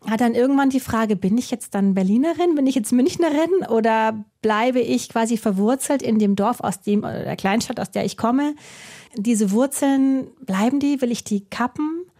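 Mellow-voiced German woman author. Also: a little high, moderate pace. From Baden-Württemberg. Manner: thoughtful, musing, with rhetorical questions. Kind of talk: reflective interview answers.

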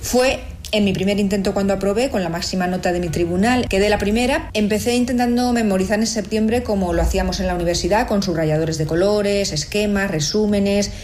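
A woman's voice: mid-range voice, fairly quick, darkish tone. A woman in her fifties from Spain, giving a composed, orderly account in a recorded testimony. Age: 50s. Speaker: interviewee.

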